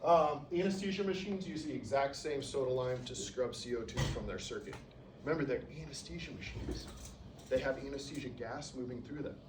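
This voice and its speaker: A man's voice: medium pitch, a little fast. A male instructor giving a casual classroom lecture, often checking in with "okay?" and acting out patients. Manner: casual, peppers sentences with "okay?", acts out patients. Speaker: respiratory therapy instructor. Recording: roomy, distant classroom recording with noise.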